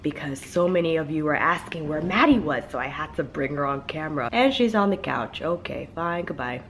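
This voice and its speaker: A woman's voice: deep voice, animated, fairly quick, slight background noise. A woman with a stuffy nose from a cold, casually reviewing a makeup palette to camera in a chatty, explaining way. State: stuffy nose, under the weather. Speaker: beauty vlogger.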